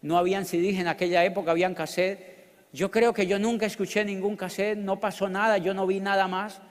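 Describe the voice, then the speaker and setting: A middle-aged man with a Colombian accent, a motivational speaker telling his story in an animated, joking way with loud outbursts. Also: high-pitched, fairly quick. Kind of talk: storytelling business talk. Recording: long hall reverb.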